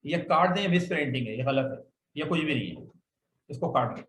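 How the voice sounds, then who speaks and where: A man's voice: fairly high pitch, expressive, brisk, fairly bright tone. Guy teaching arabic grammar, keeps asking students to repeat after him, echoey room. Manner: patient, repeats questions and asks students to say words back. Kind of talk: classroom lesson with call-and-response drills. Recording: echoey room, faint noise.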